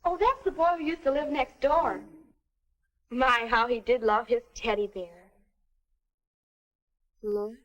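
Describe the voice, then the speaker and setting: A woman's voice: fairly high pitch, fairly even intonation, slow pace, pauses often, highs cut off. A young actress playing an earnest, dreamy American teenage girl in a stagy, wholesome 1950s educational film. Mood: curious, reflective.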